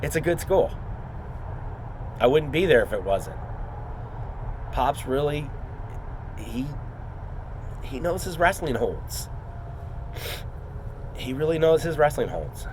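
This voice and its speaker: A man with a fairly high voice talks casually into a vlog, rambling in an earnest, unscripted way. Clear vehicle and outdoor noise runs behind him. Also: sing-song, slow, long pauses, darkish tone. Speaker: wrestling student.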